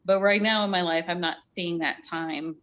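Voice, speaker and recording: A woman in her forties who works as a teacher, speaking as a podcast guest. Her voice is bright and forward but sits slightly low. She talks candidly, turning her choices over out loud. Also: fairly even intonation, moderate pace. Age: 40s. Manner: candid, weighing things aloud, uses "like" often. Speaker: special education teacher, guest. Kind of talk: casual interview conversation.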